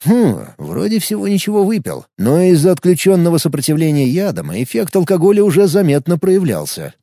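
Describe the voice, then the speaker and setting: A man narrating an audiobook with animated, expressive storytelling. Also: on the high side, fairly quick, no room sound, clean studio sound.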